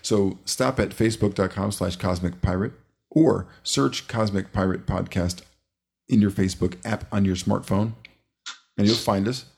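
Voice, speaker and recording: A man hosting a casual podcast, talking in a rambling, relaxed way with many fillers. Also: fairly low pitch, normal speed, creaky, husky. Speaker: podcast host.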